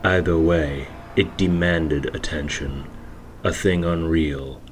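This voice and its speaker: A man giving a steady, measured storybook narration. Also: a bass voice, slight background noise.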